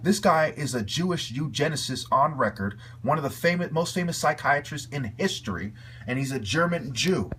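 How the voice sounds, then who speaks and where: A man's voice: a little high, expressive, moderate pace, fairly bright tone, a little hiss or hum. A man giving an angry, profane video rant, heated and repetitive in his delivery. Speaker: video commentator.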